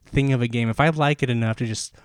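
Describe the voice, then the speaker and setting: A man's voice: mid-range voice, fast talker, smooth, dry recording, studio quality. A man hosting a solo podcast, talking enthusiastically in a rambling way with lots of fillers and restarts, a little out of breath. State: slightly out of breath. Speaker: podcast host.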